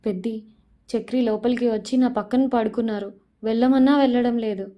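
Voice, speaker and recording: A woman voicing a frightened young wife from a TV serial, crying and shouting for help. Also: on the high side, fairly even intonation, brisk, lightly acted. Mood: tearful pleading. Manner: loud, tearful, pleading.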